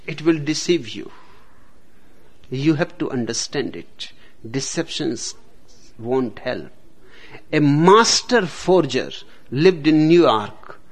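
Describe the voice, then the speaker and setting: A man giving a spiritual discourse, speaking slowly with long pauses and telling jokes along the way. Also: fairly high pitch. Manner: slow, deliberate, dramatic pauses, tells jokes. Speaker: spiritual teacher.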